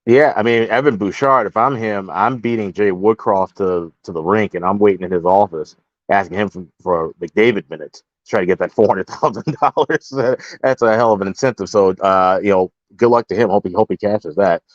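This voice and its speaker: A man co-hosting a sports betting podcast, chatting in a relaxed, joking way with restarts. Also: on the low side, fairly quick, dry recording, lo-fi sound. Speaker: podcast co-host. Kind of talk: casual betting talk.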